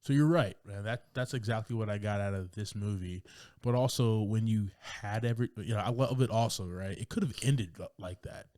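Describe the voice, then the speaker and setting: A man co-hosting a casual movie-review podcast, relaxed and chatty, often calling his friend "man" and "brother.". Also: on the low side, fairly quick, no echo, clean studio sound. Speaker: podcast co-host.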